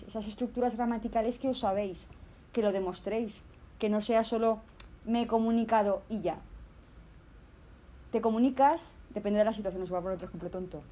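A woman's voice: fairly high pitch, dark tone. Chatty Spanish woman teacher. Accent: Zaragoza Spanish. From Spain. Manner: chatty, many fillers and restarts, acts out examples. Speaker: language teacher. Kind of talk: casual video lesson.

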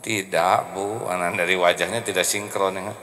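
A middle-aged man with a Sundanese accent giving a joking, animated sermon on a handheld mic in an indoor hall. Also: moderate pace, noisy background. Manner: animated, joking, big pitch jumps. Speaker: preacher. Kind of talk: humorous sermon. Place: indoor hall with carved wooden panels. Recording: long reverb of a hall.

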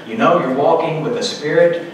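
This pastor's voice is fairly high and moves at a moderate pace, with a little hiss or hum in the recording. He is a middle-aged man preaching from the pulpit of a church sanctuary, earnestly stressing scripture as he reads, captured from far off in an echoey space.

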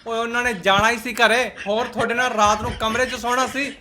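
A man's voice: very high voice, little pitch movement, brisk, pushed and bright, a little hiss or hum. A man with a Punjabi accent giving mocking, sarcastic reaction commentary in colloquial speech. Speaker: host of a roast reaction channel.

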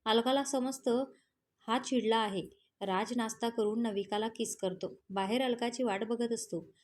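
A woman's voice: a little high, steady tone, unhurried, darkish tone. A woman reading a romance story aloud as narrator, giving the characters' lines with only light changes of voice.

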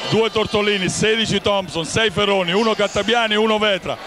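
A man calls a live basketball game in a high-pitched voice, lifting it excitedly for shots and baskets. Loud sports hall noise runs behind his play-by-play commentary throughout. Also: fairly quick. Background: sports hall ambience, bouncing ball.

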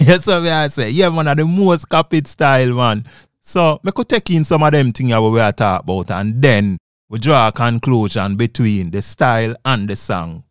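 A man's voice: mid-range voice, smooth, no room sound, studio quality. A man with a Jamaican accent hosting, talking in an easygoing, chatty way mixed with patois. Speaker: host. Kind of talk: casual commentary.

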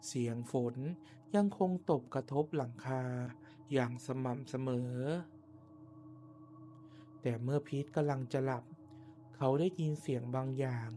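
A man tells a scripted horror tale at a slow, deliberate pace. His voice is soft and dark, set in short phrases with pauses between them. Some ambient noise sits behind the narration. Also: medium pitch, steady tone. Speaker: ghost story narrator. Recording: noticeable background noise and ambience.

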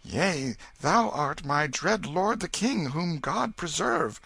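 A man's voice: a little high, animated, slow, vocal fry, pushed and bright, breathy edge, dry recording, pitched above the performer's own voice, heavily acted. A man doing a trembling pauper boy. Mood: frightened pleading. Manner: trembling, humble, archaic speech. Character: pleading pauper boy mistaken for a prince.

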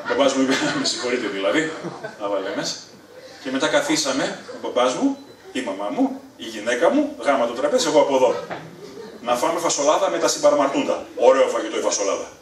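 A middle-aged man from Thessaloniki, Greece, telling funny family stories live on stage, animated and leaping to a high excited pitch at punchlines. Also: distant mic. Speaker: stand-up storyteller. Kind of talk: live stand-up storytelling. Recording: echoey room, voice from afar.

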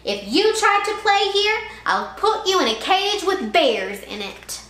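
A woman voicing a loud, bossy young boy who bullies others in a sandbox, yelling his lines. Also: big pitch swings, measured pace, a little hiss or hum, exaggerated voice. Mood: bossy shouting. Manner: yelling, shrill. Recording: echoey room.

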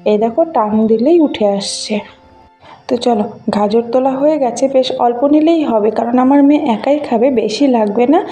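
A woman from Bengal narrates a casual walking vlog, gently enthusiastic as she talks straight to her viewers. Her voice sits fairly high but sounds soft and mellow. She films outdoors on a handheld phone, with faint music running underneath. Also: normal speed. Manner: chatty, gently enthusiastic, talks to viewers while showing things. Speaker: village vlogger. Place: outdoors in a rural garden and fields. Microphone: handheld phone camera.

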